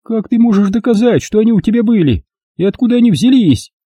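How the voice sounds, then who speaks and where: Man voicing a shrill scornful woman. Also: very animated, brisk, dark tone, breathy edge, dry recording, full character voice. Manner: coarse, scolding, shrill. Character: harsh scornful middle-aged woman of the house.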